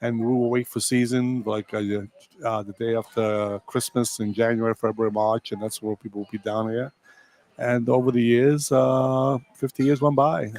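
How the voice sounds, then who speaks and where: A man's voice: mid-range voice, level tone, normal speed, darkish tone. Guest, older man, hesitant, many fillers. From Sicily, Italy. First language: Italian. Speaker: restaurant owner. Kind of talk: casual interview.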